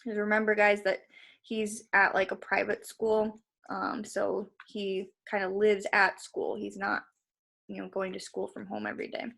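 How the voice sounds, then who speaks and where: The storybook reader is a woman with a medium-pitched, slightly bright voice that carries vocal fry and stays fairly flat in pitch, moving a little slowly. She reads expressively and addresses her listeners casually between passages.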